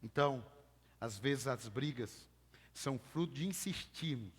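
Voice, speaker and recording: A man's voice: medium pitch, expressive, measured pace, slightly rough, big-room sound. A man with a Brazilian accent preaching a sermon, emphatic, asking the congregation to repeat his phrases. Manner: emphatic, calls for congregation repetition. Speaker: pastor. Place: church.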